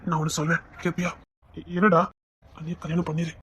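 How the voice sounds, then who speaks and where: A man's voice: on the high side, monotone, fast, a bit bright, breathy edge, full character voice. A man voicing an earnest younger brother who pleads eagerly with his elder. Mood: pleading.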